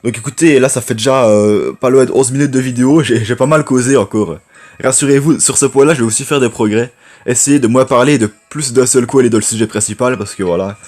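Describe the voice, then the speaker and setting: A man with a low voice giving rambling, chatty gameplay commentary and talking to viewers as friends. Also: quick pace, darkish tone. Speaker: gaming YouTuber.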